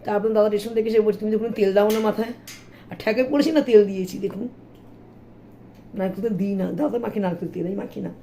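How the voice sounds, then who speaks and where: A middle-aged woman with a hoarse, sore voice, chatting and complaining to viewers in a casual home vlog. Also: medium pitch, fairly even intonation, quick pace, mellow, a little hiss or hum. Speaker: vlogger. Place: home, indoors.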